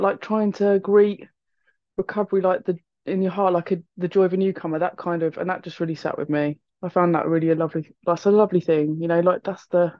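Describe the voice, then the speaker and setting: A woman speaks hesitantly and flatly, pausing on many ums as she thanks the group. The video call audio is slightly dull and dry. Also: on the low side, no room sound. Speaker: member sharing at a recovery meeting. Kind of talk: hesitant personal share.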